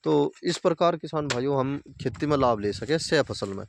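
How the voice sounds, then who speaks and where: A farming video host with a medium-pitched, expressive voice and some vocal fry talks at a moderate pace, with slight background noise. Standing outdoors by his fields, he casually gives plain, repetitive advice, calling his viewers farmer brothers.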